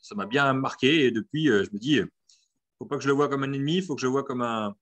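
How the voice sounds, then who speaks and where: A man's voice: medium pitch, fast talker. A man speaking as a panelist in a casual, conversational discussion. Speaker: wine trade panelist.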